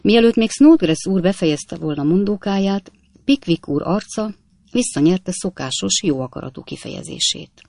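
A man narrating a classic novel in a measured, literary manner. His voice has a gravelly grain. The recording is dry and close, with no room sound. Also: high voice, no room sound. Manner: measured, even literary reading. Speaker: audiobook reader.

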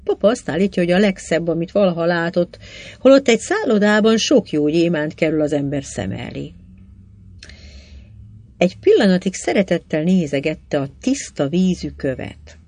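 A woman narrating a novel in an even, measured storytelling manner. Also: lowish voice. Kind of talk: audiobook reading of a novel.

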